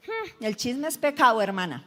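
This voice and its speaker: A woman pastor with a Colombian accent preaching a sermon, telling a story in a lively, humorous way with chatty asides to the congregation. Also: a little high, normal speed. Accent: Colombian Spanish. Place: church. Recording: echoey church hall.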